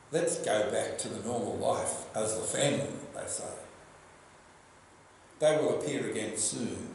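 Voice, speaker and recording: An older Australian man preaching a sermon at a church lectern, telling the story in a lively way and asking the congregation questions. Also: a little high. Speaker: pastor. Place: church hall with projection screen. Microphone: lectern microphone. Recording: very echoey church room.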